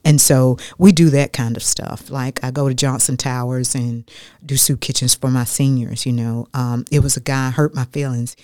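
A woman, a radio guest telling her life story in an animated, chatty way that repeats phrases for emphasis. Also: very deep voice, moderate pace, dry recording, clean studio sound. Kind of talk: casual storytelling interview.

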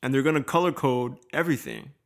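A young man in casual chat, swearing freely and telling animated stories. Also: mid-range voice, fast talker, gravelly.

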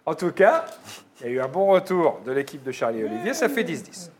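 A man's voice: a little high, sing-song. A man hosting a casual quiz game, reading clues and teasing the players. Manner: playful, reads clues slowly and teases. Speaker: quiz host. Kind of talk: casual quiz show banter.

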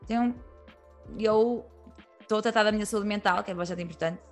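Portuguese woman guest on a podcast, talks fast and frank, lots of fillers and restarts, faint music underneath. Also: medium pitch. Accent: European Portuguese. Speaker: comedian guest. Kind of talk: candid podcast conversation.

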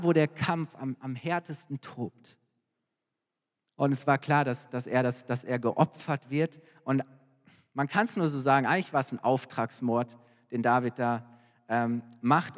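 A man preaching a sermon in a church hall, retelling a story earnestly and with rising emphasis. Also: medium pitch. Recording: long hall reverb.

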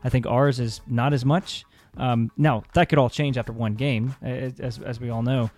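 A man's voice: mid-range voice, steady tone, normal speed, a little mellow. A man co-hosting a casual sports podcast, hedging and optimistic, with frequent hesitations. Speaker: podcast co-host.

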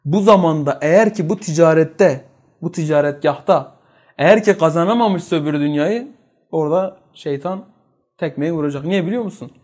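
High-voiced man teaching a faith lesson. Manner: quizzes listeners with rhetorical questions. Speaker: religious teacher. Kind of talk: religious study lesson.

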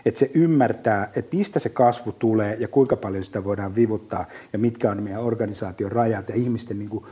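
Middle-aged guy rambling about business, lots of fillers, low warm voice. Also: few pauses, slightly rough. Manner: lively storyteller with many fillers and restarts. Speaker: business guest. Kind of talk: casual podcast chat.

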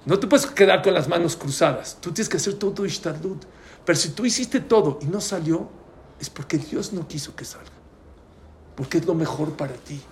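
A man's voice: a little high, normal speed, a little hiss or hum. A man, a rabbi giving a storytelling sermon who keeps asking his listeners questions. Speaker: rabbi teaching a Torah class.

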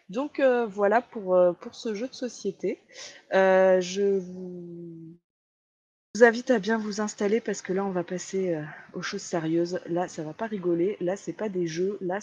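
A woman's voice: medium pitch, a little mellow, husky, highs cut off. A woman hosting a casual talk show, chatting with many hesitations and fillers as she introduces a haunted place. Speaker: host.

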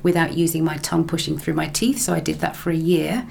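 A middle-aged Englishwoman, a broadcaster and lecturer, tells her story casually as an interview guest. She talks fast in a low, slightly mellow voice with vocal fry, chatty and quick to laugh, often repeating phrases. A faint hiss or hum sits in the recording.

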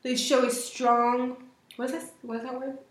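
A woman's voice: high-pitched, flat delivery, normal speed, reverberant, slight background noise. A young woman co-hosting a casual chat, giggling often and sometimes talking while eating. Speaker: co-host.

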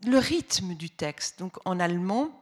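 A woman's voice: lowish voice, measured pace. Woman, music teacher, spoken lecture; patient, hesitant, many restarts. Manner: reads the ballad aloud with expressive voices.

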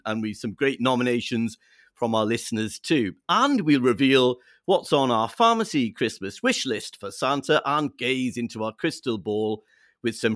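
Lively male podcast host. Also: mid-range voice, dry recording, studio quality. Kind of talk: presenting a festive podcast.

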